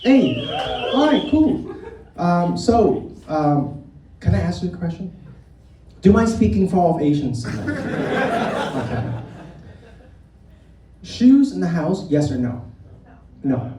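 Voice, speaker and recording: On a comedy club stage, this Vietnam-born stand-up teases and directly addresses the audience. The voice is medium in pitch with big swings, slow and frequently pausing. The distant, roomy live recording includes crowd noise.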